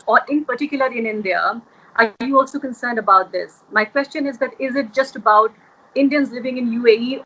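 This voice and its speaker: Bright-voiced woman interviewer. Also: fairly high pitch, low-quality recording. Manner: sympathetic, long winding questions. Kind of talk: video interview.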